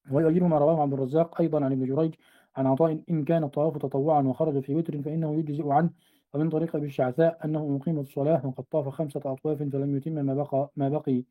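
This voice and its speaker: A man reading a classical commentary aloud to his teacher in a fast, even recitation, now and then correcting himself. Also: on the high side, phone-quality sound. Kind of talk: traditional classical text recitation.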